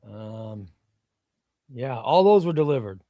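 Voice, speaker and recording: Reading viewer comments on his casual livestream, an Illinois comic book seller who grew up speaking Spanish rambles along offhandedly, swearing now and then. His mid-range voice is mellow and expressive, and he talks slowly. The recording is dry, with the high frequencies cut off.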